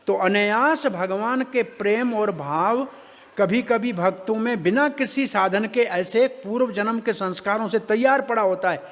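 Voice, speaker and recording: A man giving a devotional scripture discourse, telling the story with animated acting of characters and joking asides. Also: sits high, in a large hall.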